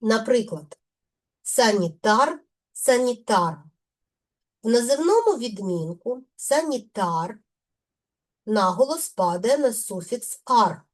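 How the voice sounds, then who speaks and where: A middle-aged woman teaching a grammar lesson, speaking carefully and stressing each example word. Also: fairly high pitch.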